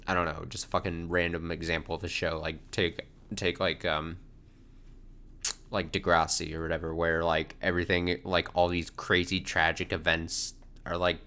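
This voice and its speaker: Over video game cutscene music, a man gives casual, sweary live commentary, reading the dialogue aloud and reacting with incredulity. His low-pitched voice is bright and forceful, and he often breaks into laughter.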